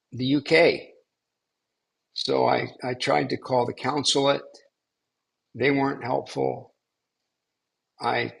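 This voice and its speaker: Older male spiritual teacher, raspy and gravelly, relaxed rambling storyteller. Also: medium pitch. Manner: rambling, halting, with many restarts and fillers. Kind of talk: casual storytelling in a class.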